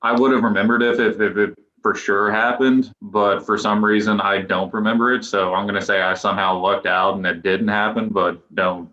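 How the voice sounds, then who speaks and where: A man in his twenties, a professional pitcher, chatting loosely as a podcast guest with restarts and chuckles. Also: fairly even intonation, normal speed, few pauses, sharp tone. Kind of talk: casual podcast interview. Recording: echoey room, dull lo-fi sound.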